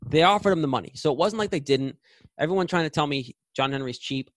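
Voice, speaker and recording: A man's voice: fairly high pitch, lively intonation, quick pace, no room sound, studio quality. A man in his twenties co-hosting a podcast, giving blunt, opinionated takes in casual chat. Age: 20s. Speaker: podcast co-host.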